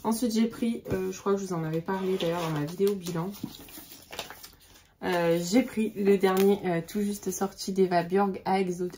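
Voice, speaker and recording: A woman's voice: mid-range voice, steady tone, moderate pace, warm tone, a little hiss or hum. A woman in her forties chatting casually about books on her vlog, hesitant with many fillers and restarts. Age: 40s. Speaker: book vlogger. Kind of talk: casual book vlog chat.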